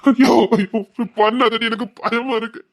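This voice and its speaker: An actress voices a tender, devoted woman with a Tirunelveli Tamil accent, trying to calm a grieving loved one. She soothes her, pleads with her and repeats the same reassurances over and over. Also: fairly high pitch, normal speed, close to an everyday voice. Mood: pleading, soothing. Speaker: close companion consoling a grieving woman. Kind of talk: emotional web drama acting.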